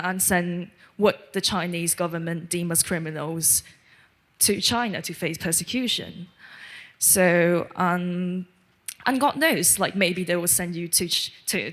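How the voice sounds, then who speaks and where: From the audience, a woman from Hong Kong asks a spontaneous question in a lowish voice, hesitating and frequently rephrasing herself.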